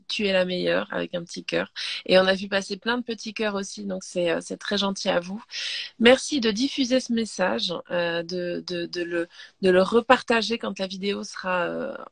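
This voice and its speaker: Woman host going hoarse, gravelly and dry, thanking everyone on a live stream. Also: mid-range voice, fairly even intonation, normal speed, no room sound. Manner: grateful, warm sign-off, hesitant. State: losing her voice, hoarse. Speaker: host of a daily live interview series. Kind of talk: casual live video interview.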